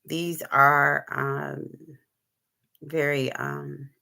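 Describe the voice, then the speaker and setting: Gravelly low-voiced woman chatting on a live stream. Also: little pitch movement, very slow, sharp tone. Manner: rambling, many ums, shows items to camera. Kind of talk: casual live-stream chat.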